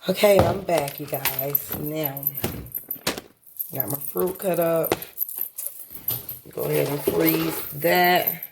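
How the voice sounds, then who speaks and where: A middle-aged woman with a smoker's rasp, chatting casually to viewers while busy in her kitchen. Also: sits low, steady tone, slow, long pauses. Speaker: vlogger. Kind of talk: casual chatty cook-with-me vlog. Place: indoor home kitchen. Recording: noisy kitchen with clattering and clicks.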